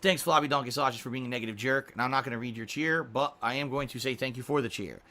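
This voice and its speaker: Bright-voiced man rambling on a livestream. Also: mid-range voice, fast talker. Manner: rambling, restarts often, clears throat a lot. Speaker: streamer. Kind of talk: casual livestream chat reading viewer messages.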